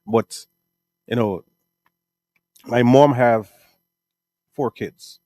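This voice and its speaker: A middle-aged Guyanese man with a Guyanese accent, answering interview questions about his life in a relaxed, rambling way, often tagging "right?" onto his sentences. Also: mid-range voice, drawn-out words. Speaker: music artist and producer.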